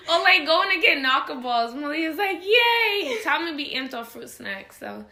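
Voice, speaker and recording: A woman's voice: sits high, normal speed, reverberant. A woman co-hosting a podcast in casual chat, laughing often and telling stories with energy. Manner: laughs often, animated storytelling. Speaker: podcast co-host.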